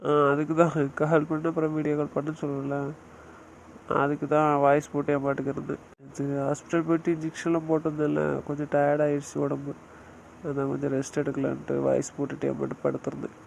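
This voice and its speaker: A man's voice: fairly high pitch, monotone, quick pace, gravelly, darkish tone, slight background noise, poor audio. A man playing a young husband who hesitantly downplays a head injury and soothes his wife in an audio drama. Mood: soothing.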